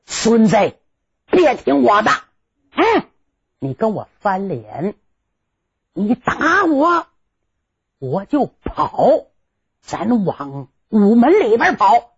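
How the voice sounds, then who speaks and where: A woman's voice: very animated, unhurried, husky, full character voice. A woman voicing a cunning old grandfather general who blusters and scolds in a storytelling performance. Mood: sly. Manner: blustering, lowered voice. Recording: dull lo-fi recording.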